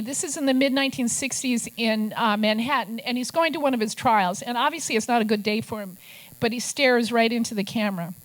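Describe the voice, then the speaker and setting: This older woman from Minnesota speaks a little high, heard through a low-quality recording. An investigative journalist, she entertains a press club audience with stories, wry asides, and gruff mimicry of those she quotes.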